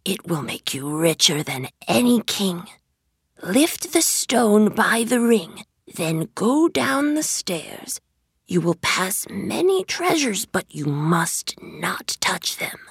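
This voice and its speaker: Storybook villain: woman playing a sly, greedy magician, slow breathy whispers, higher than her own voice, dry close sound. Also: sing-song, a bit bright, no room sound, full character voice. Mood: sly coaxing. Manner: slow, drawn-out, honeyed coaxing. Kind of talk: storybook read-aloud.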